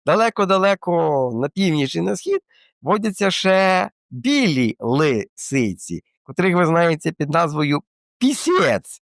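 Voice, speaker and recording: A man's voice: fairly high pitch, big pitch swings, a little slow, vocal fry, no echo. A man presenting a casual explanatory talk in a colloquial, playful way with slangy asides, close to the mic.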